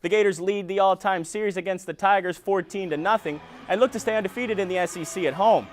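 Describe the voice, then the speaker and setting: High-pitched young man anchoring sports news. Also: fast talker. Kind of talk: scripted local TV news sports report.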